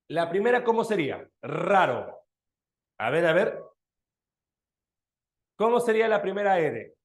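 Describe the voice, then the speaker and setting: A man's voice: sits high, roomy sound. A man teaching a language class, explaining phonemes and letters and quizzing his students as he goes. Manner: lively, questioning students often, animated. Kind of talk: online exam-prep language class.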